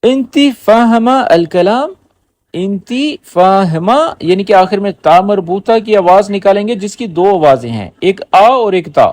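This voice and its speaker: High, lively man teaching spoken Arabic. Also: dry recording. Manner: explains slowly, repeats phrases word by word. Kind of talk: language lesson.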